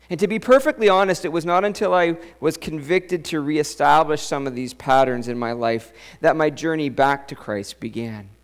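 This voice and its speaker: Earnest man preaching, slightly high voice. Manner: earnest, personal storytelling, repeats key lines for emphasis. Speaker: pastor. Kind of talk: sermon.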